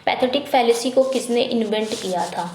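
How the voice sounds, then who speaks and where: A woman teaching an English exam prep lesson, reading questions slowly and explaining quickly in Hindi, asking and answering herself. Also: on the high side, darkish tone, echoey room, a little hiss or hum. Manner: repetitive drilling, asks then answers herself.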